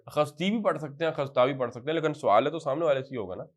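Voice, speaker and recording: A man with a Pakistani accent teaching Arabic to a live class. He spells out example phrases slowly and then explains them in quick bursts. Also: a little high. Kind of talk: classroom lecture.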